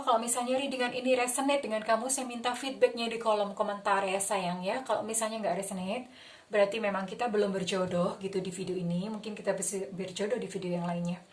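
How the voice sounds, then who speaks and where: A young Indonesian woman reading tarot, guiding a calm healing visualization and chatting affectionately with viewers, dropping English phrases into her talk. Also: medium pitch, distant mic. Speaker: tarot reader.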